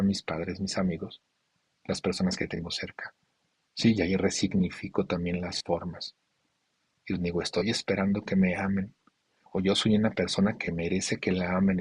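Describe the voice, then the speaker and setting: A man leads a support group, explaining ideas and putting rhetorical questions to his listeners. His voice sits very low, with a husky grain. The sound is dry and close. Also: no room sound. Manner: didactic, asks rhetorical questions. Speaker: therapist leading a support group session. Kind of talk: group talk, answering a member.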